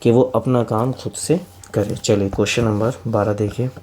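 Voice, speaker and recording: Indian male grammar teacher, mellow voice, patient and fond of his students. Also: lowish voice, steady tone. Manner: reads English sentences slowly, then explains in Hindi; addresses students affectionately as kids and friends. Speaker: English teacher.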